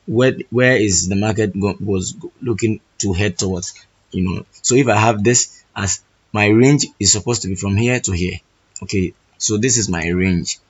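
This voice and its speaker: Hoarse, husky man, lowish register, thinking-aloud tutorial delivery full of restarts, dull lo-fi recording. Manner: halting, restarts phrases often. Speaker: trading educator. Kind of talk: thinking-aloud chart walkthrough.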